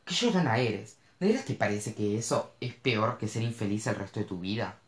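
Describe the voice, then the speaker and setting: A man's voice: lowish voice, lively intonation, moderate pace, natural voice. A narrator voicing a rich young male actor who talks in a cocky, teasing way. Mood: teasing, blunt. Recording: roomy echo.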